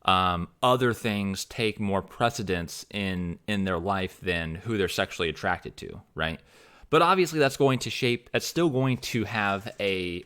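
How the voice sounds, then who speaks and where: A man's voice: on the low side, fairly bright tone, clear, resonant tone. A man streaming live, talking over a video in a loose, rambling way, often repeating words and asking "right?". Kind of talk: casual live-stream commentary.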